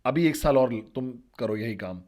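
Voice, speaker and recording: A man voicing a calm old male Zen master in a told story, speaking softly and unhurriedly. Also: medium pitch, normal speed, pitched below the performer's own voice, natural voice. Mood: stern.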